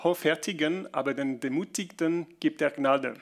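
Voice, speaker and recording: Guy preaching, kinda gravelly, a bit high, stops and restarts a lot. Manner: halting non-native German with restarts, reads Bible passages slowly. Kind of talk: sermon.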